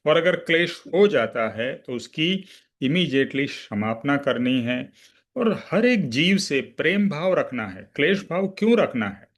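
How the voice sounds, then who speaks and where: A man with an ordinary mid-range voice leads a spiritual study class. He explains patiently, mixes English words into his talk, and keeps checking in with his listeners. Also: mid-range voice. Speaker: spiritual teacher.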